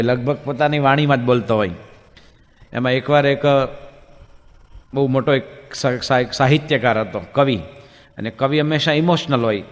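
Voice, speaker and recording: A man, a swami, telling funny stories in a religious discourse, chatty and asking the audience questions. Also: medium pitch. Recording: echoey hall, faint background hum.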